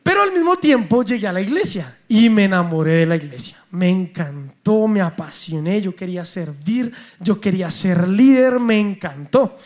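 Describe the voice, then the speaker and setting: A young man with a Colombian accent, preaching a sermon and telling personal stories in an animated, humorous way. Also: sits high, normal speed, hardly any pauses. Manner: animated, humorous storytelling with acted dialogue.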